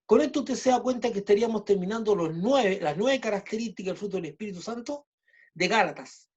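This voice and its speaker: A man preaching a sermon, speaking in short halting phrases with many restarts and fillers. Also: sits high, animated, breathy edge, muffled recording. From Chile.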